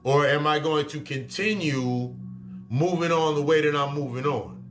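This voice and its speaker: Over soft background music, a man with a slightly bright voice on the high side speaks at normal speed. A spiritual reader and life coach, he delivers a blunt, profane motivational self-help monologue, repeating his points for emphasis.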